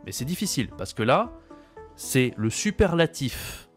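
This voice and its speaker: A man with a French accent explaining French usage to learners, patiently repeating key phrases slowly. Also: mid-range voice, very animated, soft background music. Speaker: French teacher.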